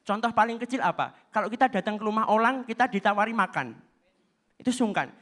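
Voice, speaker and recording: A man performs a stand-up comedy set in a fairly high voice. He is animated and slips into brief voices to act out everyday exchanges. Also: fast. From Java, Indonesia. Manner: animated, acts out short quoted exchanges in other voices.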